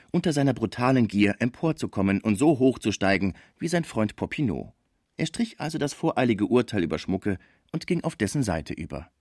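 Male narrator, low and expressive, dry audiobook read. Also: no room sound. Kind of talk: audiobook reading.

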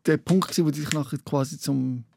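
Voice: mid-range voice, steady tone, fast talker, vocal fry, a little mellow, slight background noise. An interviewer with a Swiss German accent, asking probing, conversational questions.

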